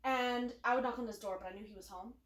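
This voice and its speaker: A woman with a high, light voice hosts a relaxed interview, chatting loosely and giggling between questions with plenty of "um"s. The room around her sounds echoey. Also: fast talker. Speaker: interview host. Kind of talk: casual interview chat.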